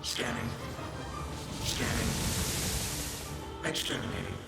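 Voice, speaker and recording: A man voicing a stern robotic security guard that gives flat, clipped announcements in a video game. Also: mid-range voice, slow, creaky, heavily acted. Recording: game audio under music.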